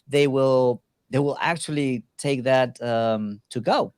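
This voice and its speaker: A man's voice: medium pitch, takes it slowly, a little mellow, clear, resonant tone, no room sound. A man hosting a livestream panel and chatting casually with the others. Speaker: show host.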